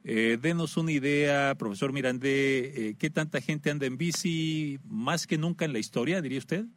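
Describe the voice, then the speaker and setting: A man's voice: medium pitch, normal speed, no echo. A man hosting a radio talk show, conversational and full of "eh" fillers. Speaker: radio host.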